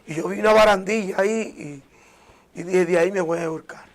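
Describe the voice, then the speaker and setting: A man with a notably high voice tells his personal faith testimony. He speaks earnestly and with emotion. He often restarts phrases and sinks into softer, quieter passages. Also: brisk. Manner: earnest and emotional, with many restarts and soft drops in volume. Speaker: guest sharing a testimony.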